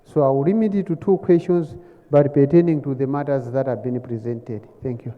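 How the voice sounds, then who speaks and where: A man's voice: medium pitch, fairly even intonation, a little fast. A man with a Malawian accent moderating a press briefing in a courteous, formal, procedural manner. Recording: echoey hall, thin phone-like sound.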